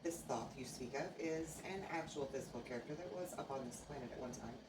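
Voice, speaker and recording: Very low-voiced woman channeling as seance medium. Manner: formal, stilted, oracular phrasing with halting pauses. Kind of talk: seance medium channeling, answering questions in trance. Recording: noisy, echoey room, far from microphone.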